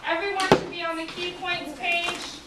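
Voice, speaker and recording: Woman, teacher to class, high-pitched, firm directive delivery, very reverberant classroom, distant microphone. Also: level tone, moderate pace. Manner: firm, directive, checking for responses. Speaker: geometry teacher. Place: indoor classroom. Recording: echoey classroom, distant mic, faint noise.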